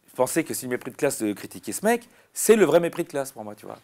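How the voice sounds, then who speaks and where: A man, a comedian chatting in an interview, rambling and animated with many restarts. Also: medium pitch, fast. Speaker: comedian guest. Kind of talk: casual interview chat.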